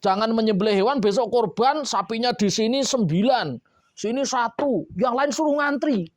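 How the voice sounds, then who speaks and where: A man preaching a sermon to boarding school students, coaxing and playful, with lively asides. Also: extremely high pitch, normal speed, dry recording, clean studio sound.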